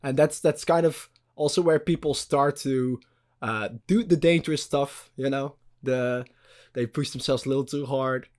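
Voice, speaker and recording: A man's voice: mid-range voice, steady tone, moderate pace, a little mellow. A young man from the Netherlands, hosting a casual podcast chat, rambling loosely, swearing and laughing often. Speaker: podcast host.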